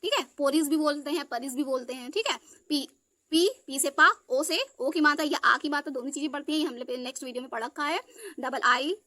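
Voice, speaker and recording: High, bright-voiced woman teacher. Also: brisk, no room sound. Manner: spells words letter by letter, checks with "ठीक है". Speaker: English teacher. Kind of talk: spelling lesson for students.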